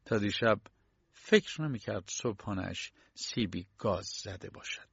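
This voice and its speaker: A man narrating a novel as an audiobook in a measured storytelling voice. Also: fairly low pitch, lively intonation, creaky, a bit bright, breathy edge, no echo. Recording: dull lo-fi dry recording.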